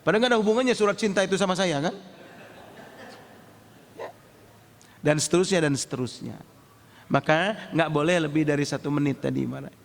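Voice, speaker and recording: A man preaching a sermon, telling lively stories and acting out parents and children in slang. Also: on the high side, quick pace, vocal fry, long pauses, long reverb tail. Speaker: Islamic preacher.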